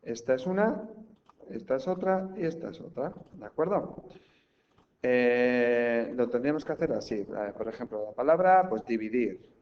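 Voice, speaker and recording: A man teaching a language lesson. He breaks words into syllables slowly and keeps checking in with the class. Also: mid-range voice, animated. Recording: slightly dull recording with faint background hiss.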